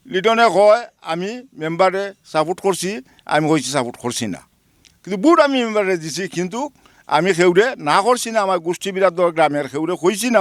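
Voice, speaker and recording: A man's voice: sits high, a bit bright, no room sound, studio quality. A man giving an earnest spoken statement to the press, listing names one by one. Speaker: local villager giving a statement. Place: beside a village mosque.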